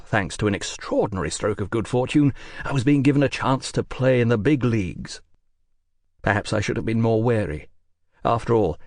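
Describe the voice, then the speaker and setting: A man narrating an audiobook in a measured, wry and precise manner, recorded close in a studio. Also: fairly low pitch, dry recording.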